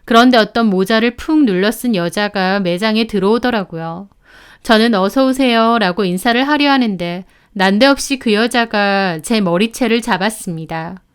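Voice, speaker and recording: Smooth-voiced woman narrating a story. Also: mid-range voice, normal speed.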